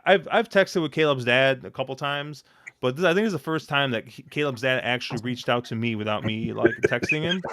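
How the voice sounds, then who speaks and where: Gravelly man, podcast host, excitable rambling, dry close sound. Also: medium pitch, no echo. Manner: rambling, excitable storytelling with many fillers. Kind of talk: casual podcast chat.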